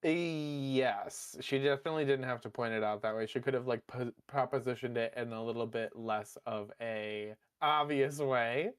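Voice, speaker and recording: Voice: medium pitch, normal speed, hardly any pauses, clear, resonant tone. A co-host on a casual recap podcast who rambles with lots of "like" and laughs often.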